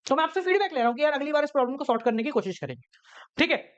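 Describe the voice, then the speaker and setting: A man's voice: extremely high pitch, animated, rapid-fire, fairly bright tone, lo-fi sound. A man teaching a class in a casual, chatty way, explaining with everyday examples.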